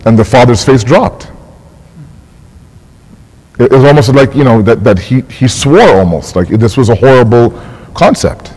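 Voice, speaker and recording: Guy from canada giving a ramadan talk at the mosque, mid-pitched, chatty, keeps repeating words. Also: lively intonation, moderate pace, pauses often, darkish tone, husky, poor audio. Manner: conversational, repeats words while searching for phrasing. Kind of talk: religious lecture to a congregation. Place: mosque hall.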